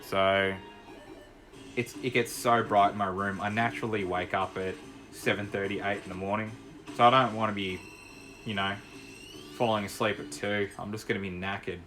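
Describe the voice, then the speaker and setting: Commentating his gameplay in a relaxed, rambling way, this young Australian gaming YouTuber laughs easily. He speaks at a moderate pace in a lowish, sharp-toned voice with fairly even intonation, and faint music sits in the background.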